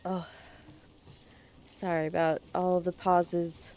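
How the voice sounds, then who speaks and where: A woman streaming a video game, hoarse and nasal from blocked sinuses, chatting to viewers and reading in-game notes aloud. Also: lowish voice, level tone, slow, mellow. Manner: chatty, self-deprecating asides to viewers.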